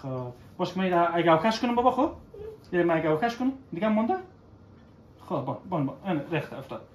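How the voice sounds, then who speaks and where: A man, gently coaching his child through baking at home, checking in with short questions. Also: sits high, sing-song, dull audio, slight background noise. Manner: patient, coaxing, keeps checking with short questions. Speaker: father cooking with his child. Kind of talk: casual instructional chat with a child. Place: home kitchen. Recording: echoey kitchen room.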